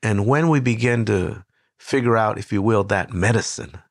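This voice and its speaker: An older man hosting an interview, telling stories in a lively, conversational way with frequent restarts. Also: fairly low pitch, moderate pace, gravelly, no room sound, clean studio sound. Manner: warm storyteller, animated with many restarts. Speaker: host.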